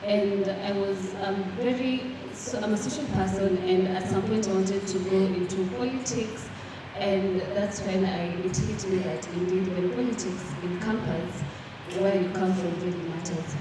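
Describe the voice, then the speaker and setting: Speaking at a moderate pace with hardly a pause, this young woman from Rwanda gives a panel answer as the student representative. Her voice is medium in pitch and fairly level, and she talks earnestly while often using fillers and starting over. She's captured from a distance in a reverberant hall with noise in the background.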